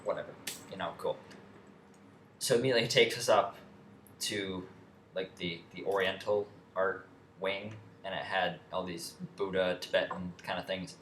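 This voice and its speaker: A man's voice: deep voice, fairly even intonation, normal speed, fairly bright tone. A young man telling a story in a rambling, profane way, with many restarts and fillers. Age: young adult. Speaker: vlogger. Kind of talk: casual storytelling rant. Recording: echoey room with faint ambient noise.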